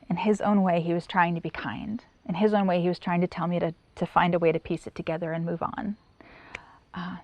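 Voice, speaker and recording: Dry-sounding woman giving halting personal testimony. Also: fairly low pitch, darkish tone, no echo. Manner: halting, emotional, with pauses and restarts. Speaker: interviewee telling her story.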